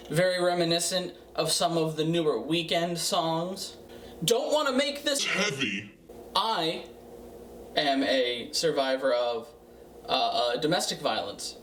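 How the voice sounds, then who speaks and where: A man giving a casual, profane music review in a tipsy, rambling way, halting and repeating himself. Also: fairly high pitch, fairly bright tone. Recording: roomy, distant mic, faint noise.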